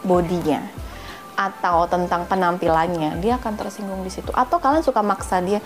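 A woman's voice: fairly low pitch, moderate pace, soft background music. A woman hosting a podcast in a casual, playful way, slipping English phrases into her friendly advice. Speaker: podcast host. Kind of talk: casual chatty advice talk.

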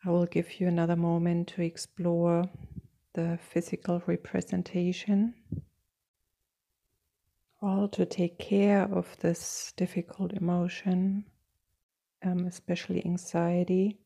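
A woman guiding a meditation in a slow, soft and soothing manner, with long pauses. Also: on the low side, monotone, creaky, slightly rough. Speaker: meditation guide. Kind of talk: guided meditation.

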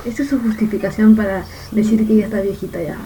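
A woman's voice: mid-range voice, steady tone, fast talker. A young woman co-hosting a podcast, teasing her friend with playful banter. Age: young adult. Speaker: podcast co-host. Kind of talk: casual chat between friends. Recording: a bit distant with faint noise.

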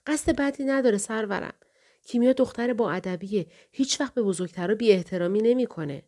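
A nervous father in a storybook , read by a woman, hurries to smooth things over. His voice is pushed up high and tight with worry. Audiobook reading. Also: mellow, natural voice. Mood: flustered. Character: anxious father, flustered, eager to please.

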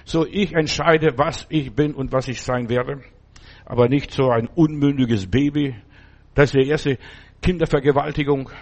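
A man's voice: mid-range voice, fairly even intonation, moderate pace, a little mellow. A man preaching a sermon emphatically, repeating phrases and checking in with "ja?". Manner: emphatic, repetitive preaching with tag questions.

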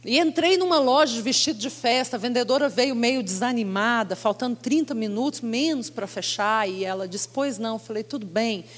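A woman preacher tells her testimony in a sermon, acting out the dialogue with lively energy. Her voice sits a little high, and it rings with a long reverb through a church hall. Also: fairly quick, few pauses. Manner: animated storytelling, acting out dialogue.

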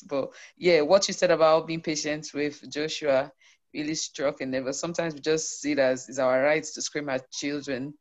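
A hoarse woman in an online discussion group, sharing thoughts about children and patience over a video call. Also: sits low. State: hoarse from screaming all day. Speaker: group member. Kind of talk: casual online group meeting.

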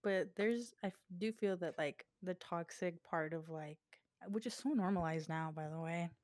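Lower-voiced young woman, chatty. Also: normal speed, darkish tone, no echo. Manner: chatty, fillers like "like", laughs often. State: coughing, breathing hard. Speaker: podcast co-host. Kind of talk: casual chat. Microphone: podcast mic.

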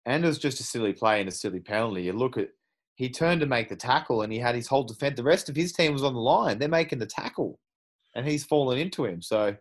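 A man's voice: mid-range voice, expressive, fast talker. A man co-hosting a sports talk show, giving easygoing analysis.

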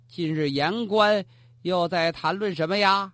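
A man's voice: sits high, a little slow, fairly bright tone, dry recording. A man voicing an old retired emperor who speaks coldly and grumbles in a storytelling performance. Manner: cold, grumbling. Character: old retired male emperor, stern and touchy.

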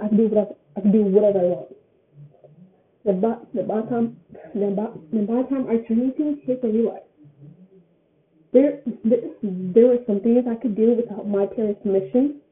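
An eighteen-year-old woman giving her opinion in a casual vlog, rambling and often repeating her phrases. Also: medium pitch. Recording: tinny phone-like sound.

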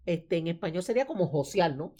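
A woman, co-hosting a casual film podcast, agreeable and quick to chime in. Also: fairly low pitch, animated, dark tone. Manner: agreeable, chimes in with short affirmations. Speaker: podcast co-host. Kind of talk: casual film review chat.

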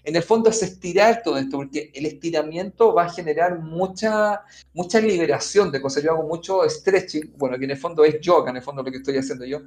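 High-voiced man explaining in a roomy echo. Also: brisk, a little mellow. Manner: talks straight to the listener, often saying "mira" and "amigo". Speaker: podcast guest giving advice. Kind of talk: conversational explaining. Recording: roomy echo with faint music.

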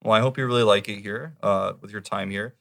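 A man's voice: fairly low pitch, steady tone, a little fast, creaky, fairly bright tone. A young man hosting a casual interview as an esports broadcaster.

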